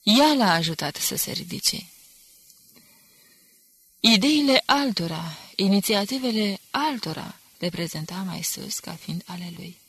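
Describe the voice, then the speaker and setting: A woman's voice: mid-range voice, expressive, fairly bright tone, husky, no echo. A woman reading the part of a contemptuous, hard-drinking male enemy agent who speaks with cool disdain. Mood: scornful.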